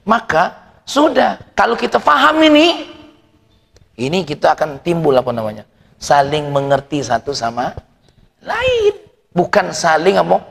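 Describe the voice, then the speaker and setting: Lively gravelly preacher. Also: male voice, fairly high pitch, unhurried, long pauses, long reverb tail. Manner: lively, jokes and rhetorical questions, voice rising and falling. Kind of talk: sermon. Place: mosque hall.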